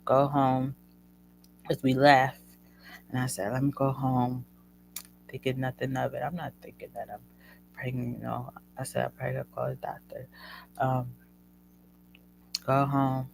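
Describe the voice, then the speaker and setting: A woman's voice: rumbling low, little pitch movement, a little slow, vocal fry, long pauses, slight background noise, poor audio. A woman hosting a show who tells a personal story in a casual, chatty way and keeps addressing her listeners as "y'all.". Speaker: host.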